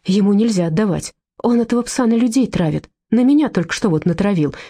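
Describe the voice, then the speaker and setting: A woman's voice: medium pitch, expressive, fast, warm tone, breathy edge, pitched above the performer's own voice. A woman voicing a frightened, indignant woman who pleads urgently. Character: frightened indignant woman walking her dog.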